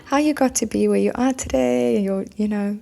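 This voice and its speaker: A woman's voice: on the high side, normal speed, gravelly, dark tone, a little hiss or hum. A woman hosting a podcast, opening the episode and welcoming her guest in an upbeat manner with rhetorical questions. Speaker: podcast host. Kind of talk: podcast intro and interviewing.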